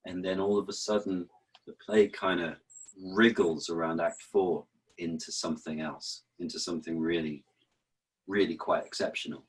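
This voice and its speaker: Male interview guest, deep husky voice, thinks aloud with stops and restarts. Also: fairly even intonation, moderate pace, poor audio. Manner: restarts phrases, repeats words while thinking, taps out verse rhythms. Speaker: interview guest, actor and author. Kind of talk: thoughtful interview answers.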